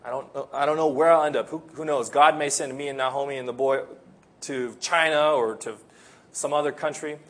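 This pastor, born in the Philippines but raised in America, preaches sincerely in an American accent, easing his pace on important phrases. He speaks in a mid-range voice with fairly even intonation.

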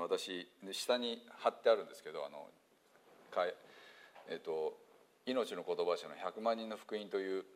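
A pastor from Hiroshima, Japan, speaking with a Hiroshima accent, delivers a casual sermon that includes a quiz review. He's chatty, uses lots of fillers, and his pitch swings lively.

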